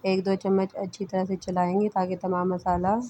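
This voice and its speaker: A woman's voice: mid-range voice, completely flat delivery, normal speed, dark tone, a little hiss or hum, poor audio. A woman hosting a home cooking vlog from her kitchen, explaining each step in a chatty way, often checking in with her viewers and calling them sisters and brothers. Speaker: home cook and channel host.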